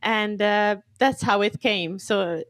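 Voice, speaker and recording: A young woman from Serbia talks eagerly as a podcast guest, chatty and quick to laugh. Her voice sits in a middle range and sounds dry and close, with no room around it. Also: medium pitch, dry recording. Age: 20s. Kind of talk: casual interview.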